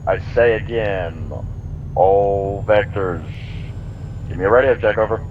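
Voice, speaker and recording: A man with a low, deep voice gives clipped military radio calls over a walkie-talkie. His voice comes through dull and muffled. Loud vehicle noise runs steadily behind him. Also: a little slow. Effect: voice over in-game walkie-talkie radio. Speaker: convoy commander in an online military game.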